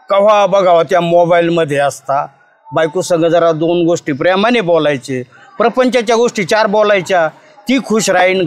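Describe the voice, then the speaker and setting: A man playing a village elder who lectures everyone in a scolding, preachy way. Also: high-pitched. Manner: scolding, preachy advice-giving. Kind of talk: rustic comedy web series acting.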